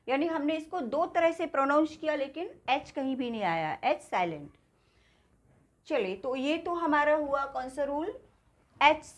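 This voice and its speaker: A woman's voice: high voice, a bit bright. A woman with an Indian accent teaching spoken English, patiently repeating words and asking her class questions.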